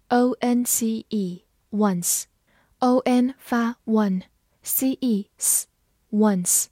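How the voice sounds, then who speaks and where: Reading from a script, a woman teaches English words, spelling them out one letter at a time and slowly reading sentences that use them. Her fairly high voice is a little mellow, captured in dry, studio-quality audio.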